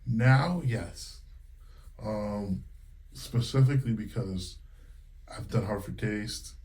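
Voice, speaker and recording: Slow and on the low side, this Connecticut man in his thirties talks openly in a laid-back interview about his life as a singer and music teacher. Fillers pepper his speech, and he often recounts exchanges as quoted dialogue.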